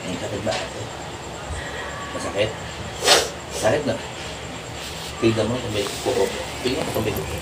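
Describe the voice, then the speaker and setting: A faith healer interrogates a spirit in a healing session, sternly repeating short prodding questions, with long pauses between them. The medium-pitched voice runs at normal speed, captured from a distance in an echoey room full of loud background noise.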